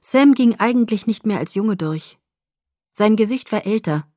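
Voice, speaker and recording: A woman's voice: mid-range voice, normal speed, no echo. Woman reading a story aloud, dry sound. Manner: expressive first-person storytelling. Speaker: audiobook narrator. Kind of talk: scripted narration.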